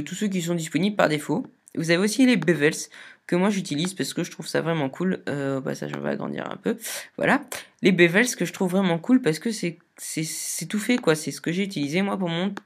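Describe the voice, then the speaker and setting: A woman talking through a software tutorial in a casual, chatty way, explaining step by step and often hesitating. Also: deep voice. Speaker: video tutorial maker.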